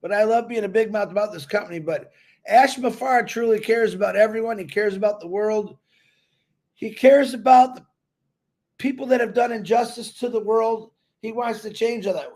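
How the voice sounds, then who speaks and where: A man giving a loud, emphatic motivational talk to company members, telling folksy stories and repeating himself. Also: high-pitched, moderate pace. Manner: loud and emphatic, calls himself a big mouth; repetitive, folksy storytelling. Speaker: company promoter speaking to members.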